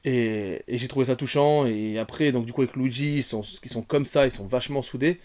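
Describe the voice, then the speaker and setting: A man giving an off-the-cuff film review, rambling with many fillers and restarts, talking straight to his viewers and jumping from soft asides to loud outbursts. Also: medium pitch, a little fast. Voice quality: bearded. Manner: addresses viewers directly. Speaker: retrogaming YouTuber.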